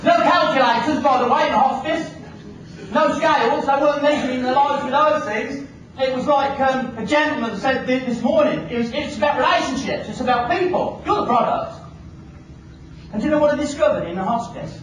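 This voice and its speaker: A man giving an animated motivational seminar talk, firing rhetorical questions at a live audience. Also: very high voice, a little fast. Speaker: motivational speaker. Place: large hall with a live audience. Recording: echoey hall from far off, audience noise.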